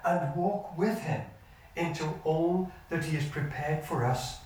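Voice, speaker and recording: An older man preaching a sermon as pastor, earnest and measured, his sentences often sinking low at the end. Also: darkish tone, a little hiss or hum. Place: church hall. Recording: echoey church hall from far off.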